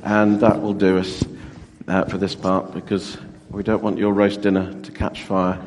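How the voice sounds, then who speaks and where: A middle-aged man preaching an interactive sermon as pastor, lively and joking as he draws in the congregation. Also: low-pitched, normal speed, a little hiss or hum. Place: large church with long reverb. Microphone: handheld microphone. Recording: echoey church hall reverb.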